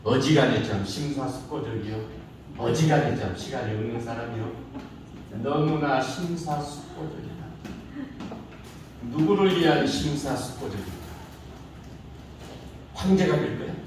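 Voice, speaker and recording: In a classroom, a middle-aged man teaching speech keeps things informal, poking fun at his students through rhetorical questions. He speaks at medium pitch and a measured pace, with long pauses and a darkish tone. Slight background noise and distant, echoey room sound color the audio.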